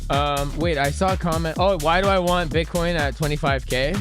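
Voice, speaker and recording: Over music, a young crypto trader hosts a relaxed livestream, cracking jokes with chat, rambling and now and then singing. His voice is a little high and a little worn, slightly lost, and he keeps a moderate pace.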